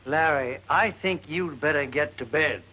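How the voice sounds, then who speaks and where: Bright-voiced, worried old-film uncle. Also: male voice, fairly high pitch, a little slow. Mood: concerned. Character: worried, placating older uncle. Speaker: actor in a screwball comedy film. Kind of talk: 1940s film comedy acting. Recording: muffled, noisy, clicking old film soundtrack.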